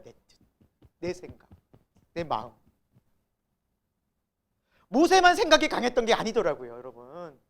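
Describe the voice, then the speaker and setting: Woman pastor preaching a sermon, pitch jumping all over, lots of rhetorical questions. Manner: emphatic, rhetorical questions, rising exclamations.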